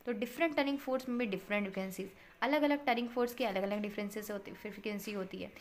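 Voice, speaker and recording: A woman teaching a physics class, explaining in Hindi, checking in with her students and reading English textbook lines slowly. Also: mid-range voice, slight background noise. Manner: addresses students as beta, checks with "है ना".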